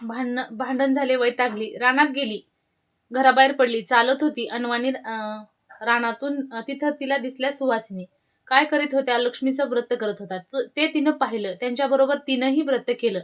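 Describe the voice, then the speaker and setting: A woman's voice: high voice, normal speed. A woman hosting her channel and telling a devotional tale in short, rhythmic phrases. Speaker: devotional storyteller, channel host.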